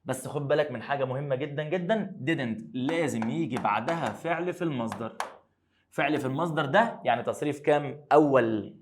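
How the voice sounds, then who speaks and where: Fast-talking Egyptian teacher. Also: male voice, mid-range voice. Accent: Egyptian Arabic. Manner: asks questions and answers them himself; slows down to spell out English words. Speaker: English teacher. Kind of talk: grammar lesson for high school students.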